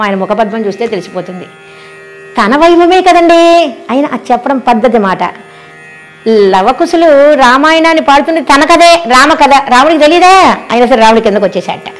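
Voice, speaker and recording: A woman giving a devotional discourse, telling stories with rhetorical questions and fond exclamations. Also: a little high. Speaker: religious discourse speaker.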